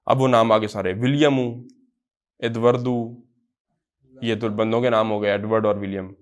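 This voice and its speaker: A man with a Pakistani accent teaching an Arabic grammar lecture. He sounds words out slowly, repeats them, then explains in quick asides and checks that students follow. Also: on the low side, steady tone, clean tone. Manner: repeats phrases and checks understanding.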